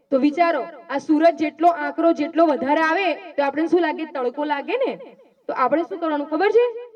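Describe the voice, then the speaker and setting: A woman giving a simple sermon to schoolchildren, coaxing them with quick questions and calls for answers. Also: sits high, a little mellow. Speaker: Jain nun giving a talk to schoolchildren. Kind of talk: simple sermon to children with call-and-response questions. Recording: dull sound from far off the mic.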